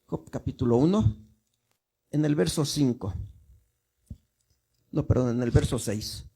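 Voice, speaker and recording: A man's voice: medium pitch, a little slow, gravelly, dark tone, slightly rough. A male minister giving a teaching sermon, explaining step by step and often asking the congregation if they follow. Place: church.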